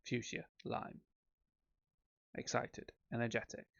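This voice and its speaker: A man's voice: mid-range voice, completely flat delivery, slow pace, gravelly, a bit bright, no echo, highs cut off. A man giving casual, rambling commentary on his own gameplay, with frequent ums and self-corrections. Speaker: let's play host.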